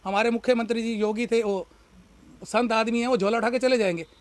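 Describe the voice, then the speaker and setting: A man's voice: very high-pitched, steady tone, fairly quick. A man who runs a shop, speaking in an impassioned, argumentative way in a street interview. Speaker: shopkeeper and party worker.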